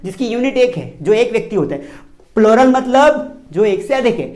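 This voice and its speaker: A man's voice: very high voice, very animated, moderate pace, a little mellow. A man with a Hindi accent teaches spoken English in a classroom-style video lesson. He keeps asking his students questions and then answers them himself. He repeats each key word to drive it home.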